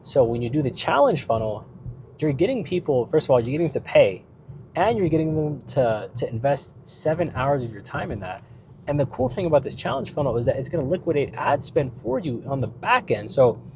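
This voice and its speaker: Slightly high-pitched and a little mellow, a male business vlogger talks informally about business from inside a car, with slight background noise. His speech wanders, full of fillers, side notes, and constant "right?" checks, and being sick has his voice beginning to fail.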